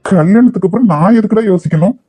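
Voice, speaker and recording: A man's voice: high voice, fast, warm tone, slightly rough, no echo. A man voicing a sly older uncle in a cartoon, teasing and guilt-tripping, with a Kanyakumari Tamil accent. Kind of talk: cartoon voice acting.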